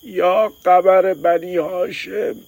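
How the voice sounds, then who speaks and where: A man voicing a young village woman in labor, crying out in strained, drawn-out pain. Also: fairly low pitch, a little mellow, breathy edge, pitched above the performer's own voice. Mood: screaming.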